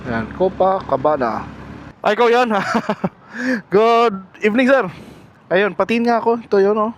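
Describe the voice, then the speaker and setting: Here the Filipino man speaks at a measured pace in a voice that sits high, with lively intonation, bantering playfully as he hosts his motovlog from a motorbike. English phrases pepper the casual chat, and the road recording is loud with traffic and vehicles.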